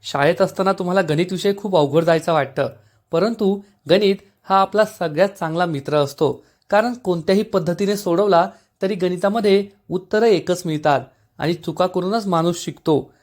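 A man reading out the lines of a gentle, caring young elder sister in a calm, explaining way. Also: sits high, moderate pace, lightly acted.

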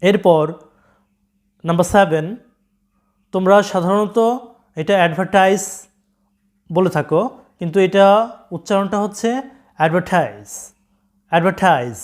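A man with a Bengali accent gives an online English pronunciation lesson. His voice sits high for a man. He talks straight to his viewers and repeats each word slowly, one at a time. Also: fairly even intonation, darkish tone.

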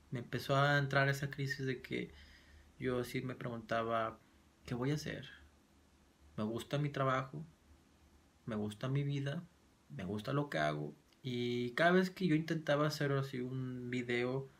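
A man's voice: mid-range voice, gravelly, slight background noise. A man in his twenties with a Mexican accent, talking casually and rambling to his vlog audience with lots of slang. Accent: Mexican Spanish. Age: 20s. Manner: rambling, slangy, self-deprecating. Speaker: vlogger.

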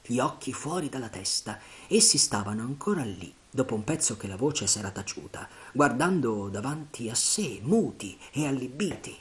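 Male narrator, dramatic adventure reading, animated pitch. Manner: measured, dramatic storytelling. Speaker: audiobook narrator. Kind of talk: scripted narration.

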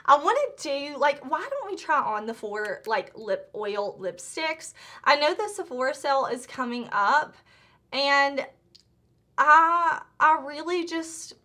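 A woman talks through her beauty haul in a high, bright voice. She gushes and chats casually, her sentences full of "like" and quick restarts. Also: lively intonation. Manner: gushing, chatty, full of "like" and restarts. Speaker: beauty vlogger.

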